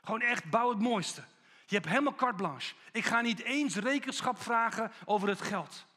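A man's voice: extremely high pitch, moderate pace, sharp tone, big-room sound, pitched above the performer's own voice, full character voice. A man playing a lavish construction boss. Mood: generous. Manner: expansive, emphatic. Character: generous rich construction boss.

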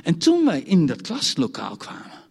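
A man's voice: fairly high pitch, huge pitch swings, normal speed, creaky, husky, in a large hall. A man preaching a sermon, telling a story from his childhood and building to emphatic points.

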